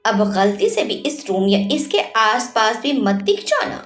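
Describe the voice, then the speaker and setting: A woman's voice: on the high side, sing-song, a little slow, roomy sound. A woman voicing a curt, irritated young man in a narrated story. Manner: curt, snapping.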